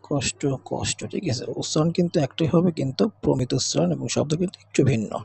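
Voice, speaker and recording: Husky male teacher, repeating himself. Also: fairly quick, darkish tone, no room sound. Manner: keeps asking "okay?" with a rising pitch; repeats each word twice as he reads. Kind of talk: exam revision lesson.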